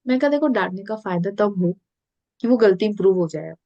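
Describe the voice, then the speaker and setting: A woman's voice: mid-range voice, lively intonation, a little fast, warm tone, no room sound, lo-fi sound. A woman spiritual coach telling stories in a podcast interview, earnest, mixing English phrases into her talk.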